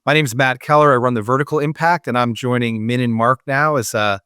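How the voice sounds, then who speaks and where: A man's voice: medium pitch, steady tone, fairly quick, sharp tone, smooth, no echo, studio quality. A man hosting a podcast, chatting casually and loosely, with frequent fillers and restarts. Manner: conversational, many fillers and restarts. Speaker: podcast host. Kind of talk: casual interview chat.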